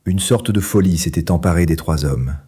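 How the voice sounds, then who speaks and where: A man reading a children's story aloud in French, lively and acting out the characters. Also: normal speed, slightly rough. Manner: lively, acts out each character with raised pitch. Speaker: audiobook narrator.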